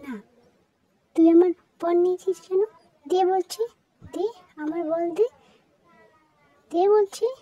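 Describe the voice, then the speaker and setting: Noni, a squeaky bossy girl doll. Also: lively intonation, unhurried, long pauses, warm tone, dry recording. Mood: angry. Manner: childlike, squeaky, scolding.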